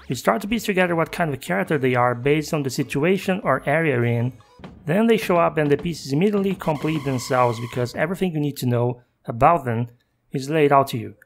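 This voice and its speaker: A male game reviewer with a gravelly edge to a slightly high voice narrates a scripted review. He slips in wry, self-mocking asides, and faint music plays underneath.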